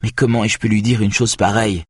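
A man's voice: fairly low pitch, little pitch movement, quick pace, slightly rough, no echo, pitched above the performer's own voice. A man doing a distraught, pleading mother. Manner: pleading and strained. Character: distraught middle-aged mother, pleading, fragile.

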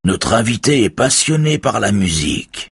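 In an audiobook, a man voices a sinister male collector, a cold host whose menace stays tightly controlled behind a smile. The exaggerated voice is lowish, pitched above his own, with big pitch swings, moderate pace, vocal fry and slight roughness. The sound is clean studio audio with no echo.

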